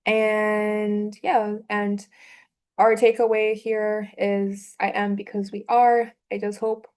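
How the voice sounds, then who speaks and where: A woman's voice: mid-range voice, flat delivery, takes it slowly, a little mellow. A woman giving a conference talk, hesitant with many fillers. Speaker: conference speaker.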